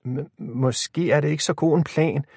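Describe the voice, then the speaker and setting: A man's voice: fairly high pitch, creaky, darkish tone, breathy edge, no room sound, clean studio sound, pitched above the performer's own voice. A man voicing a cautious, nervous teenage boy in an audiobook story, hesitant and stammering.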